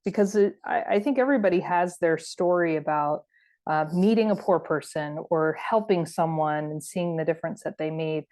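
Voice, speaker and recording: A woman hosting an interview in a casual, curious way, asking her guest questions in relaxed phrasing. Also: fairly low pitch, moderate pace. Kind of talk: conversational interview.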